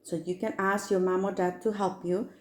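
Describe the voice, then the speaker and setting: A woman's voice: medium pitch, little pitch movement, normal speed. A woman with an upbeat, sing-song children's presenter manner, guiding young kids step by step through a science demonstration. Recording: echoey room.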